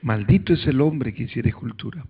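Male pastor, gravelly voice, preaching sermon, dull lo-fi recording. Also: lively intonation. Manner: preaching with rising, shouted calls to praise; reads scripture aloud in a low, measured voice.

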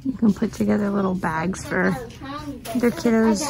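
Recording on a handheld phone in a busy, noisy store, a woman in her thirties vlogs casually about the cute things she comes across, with a crowd audible behind her. She speaks at normal speed in a medium-pitched, creaky, steady voice.

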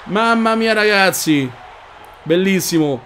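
A man doing excited let's-play commentary on a wrestling game, shouting move names and swearing freely. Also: sits high, slow, a little hiss or hum. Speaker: gaming YouTuber.

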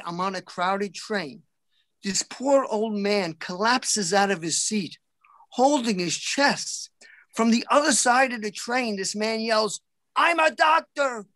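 A man from New City, delivering deadpan stand-up one-liners with deliberate timing from home for a virtual open mic. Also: high-pitched, no echo, clean studio sound. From New York City. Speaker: stand-up comedian. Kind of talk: stand-up comedy routine.

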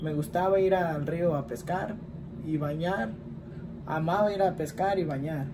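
A man in his twenties with a fairly high voice talks at normal speed over a noisy background. With a Mexican Spanish accent, he casually answers questions in a rambling home vlog, often tacking "¿verdad?" onto his lines. The room is small and indoors, with a plain wall.

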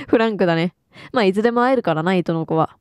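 A woman's voice: mid-range voice, fairly quick, darkish tone, no room sound, studio quality. A young woman commenting casually on a game she is playing, teasing the characters playfully. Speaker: game streamer. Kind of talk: casual let's-play commentary.

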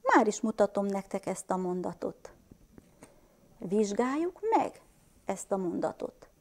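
A woman teacher with a Transylvanian Hungarian accent giving a first-grade reading lesson, sounding out words slowly and asking the children questions. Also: medium pitch, lively intonation, darkish tone.

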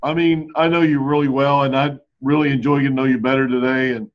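A man hosting a talk show, speaking in a halting, appreciative way. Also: mid-range voice, level tone. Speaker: host. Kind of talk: casual interview talk. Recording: dull lo-fi sound.

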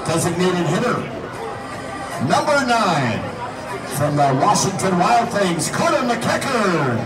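Over an outdoor baseball stadium's loudspeakers, a high-voiced, very animated man announces player introductions, projecting deliberately and stretching out the names. Captured from the stands, the PA sounds distant and echoey, with crowd noise and loud music behind it.

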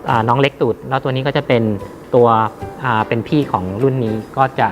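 Halting man presenting products over music. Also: mid-range voice, fairly even intonation. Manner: halting, with frequent repeats and long hesitations. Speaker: radio equipment seller. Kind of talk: informal product demonstration.

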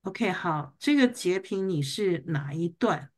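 A woman teaching an online English reading class, patiently coaching students and drilling a word slowly over a video call. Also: fairly low pitch, lively intonation, a little hiss or hum.

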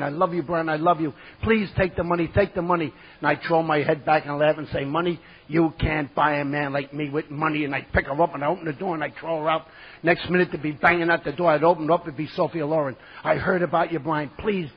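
New York man, husky and a bit high, theatrical comic storyteller, dull lo-fi tape. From New York City. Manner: vivid, self-mocking and theatrical. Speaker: recovery meeting speaker. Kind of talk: comic personal storytelling to an audience.

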